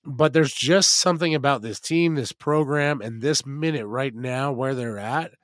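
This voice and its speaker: An American man with a hoarse, smoky rasp co-hosts a sports podcast, talking casually and emphatically as he thinks aloud. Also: mid-range voice, normal speed, fairly bright tone, dry recording, studio quality. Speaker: sports podcast co-host and football analyst.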